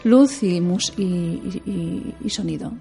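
A woman's voice: on the low side, slow, creaky, faint music behind. A woman opera singer and stage performer, talking expressively in an interview. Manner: expressive, animated storyteller with laughs. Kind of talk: interview conversation.

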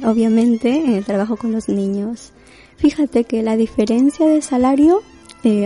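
A woman's voice: fairly high pitch, warm tone. A Latin American woman in her forties, a domestic worker, telling her story in an interview, reflective and full of restarts. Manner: reflective, many restarts and fillers. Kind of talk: conversational interview.

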